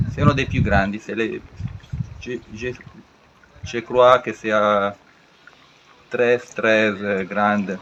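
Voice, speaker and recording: A man with an Italian accent, a native Italian speaker giving an interview in halting, foreign-accented French, searching for words. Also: lowish voice. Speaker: interviewed artist. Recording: dull lo-fi with faint background noise.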